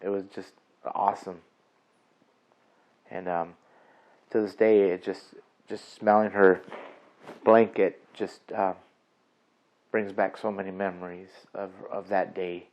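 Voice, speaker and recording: Deep-voiced man speaking haltingly. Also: level tone, muffled recording. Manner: soft, halting, reflective. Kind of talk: personal testimony.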